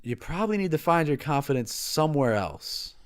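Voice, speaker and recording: Halting man talking fight news. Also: on the high side, sing-song, clean tone. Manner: halting, repeats words, trails off quietly. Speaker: podcast co-host. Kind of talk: casual sports chat.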